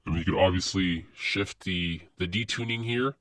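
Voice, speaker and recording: A man demonstrating music software, his voice run through a robotic detuner, ring modulator and vocoder effect as he talks casually. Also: low-pitched, normal speed, no echo. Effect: robotic voice effect from a detuner, ring modulator and vocoder plugin.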